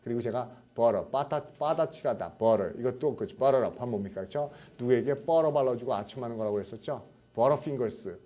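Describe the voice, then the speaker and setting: A man's voice: medium pitch, normal speed, hardly any pauses, mellow. A middle-aged man giving a vocabulary lecture, repeating words and often checking in with his students. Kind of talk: classroom lecture.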